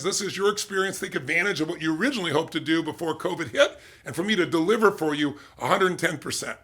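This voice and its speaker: A man hosting and promoting his own seminar in a persuasive, eager sales pitch. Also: gravelly, a bit bright, slightly rough. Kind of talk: direct-to-camera sales pitch.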